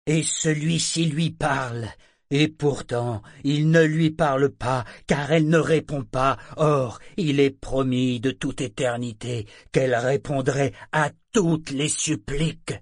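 A man's voice: lowish voice, fairly even intonation, slow pace, no echo, studio quality. Molkin, a man voicing a brooding old sea serpent. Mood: agitated. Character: ancient male sea serpent, maned, troubled and bitter.

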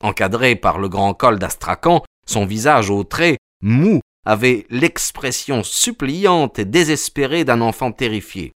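A man narrating a novel as an audiobook in a measured, literary way. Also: medium pitch, expressive, a bit bright, dry recording, clean studio sound.

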